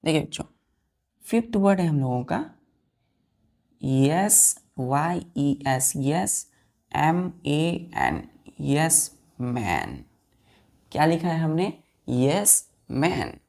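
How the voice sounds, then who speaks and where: A woman's voice: sits low, slow, creaky, long pauses, darkish tone. A woman teaching a vocabulary lesson to students, spelling words out letter by letter and repeating each answer. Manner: asks pupils questions and answers them herself.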